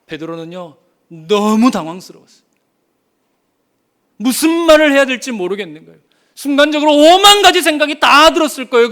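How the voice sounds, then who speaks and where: Bright, high-voiced, emphatic preacher man. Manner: emphatic, storytelling, addresses the congregation directly. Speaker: pastor. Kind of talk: sermon.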